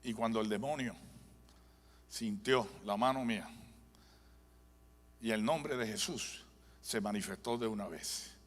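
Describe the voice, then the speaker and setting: A man's voice: lowish voice, a little slow, pauses often. A male pastor giving a live sermon, telling a dramatic story and building to fervent preaching in a church. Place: church sanctuary. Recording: long church hall reverb.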